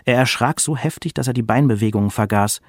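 A man reading a literary excerpt aloud in a measured, expressive way. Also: medium pitch, no echo, clean studio sound. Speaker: reader.

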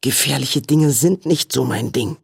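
Guy doing a nervous little kid whispering, breathy and scared. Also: mid-range voice, measured pace, no room sound, clean studio sound, exaggerated voice. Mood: fearful whisper. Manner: whispered, fearful. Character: boy Viggo, timid anxious whispering kid.

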